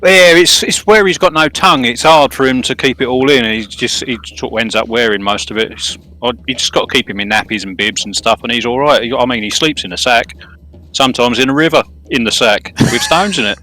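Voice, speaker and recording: A man's voice: mid-range voice, a little fast, pushed and bright, low-quality recording. A man playing a tabletop game, improvising casual, rambling, tongue-in-cheek banter.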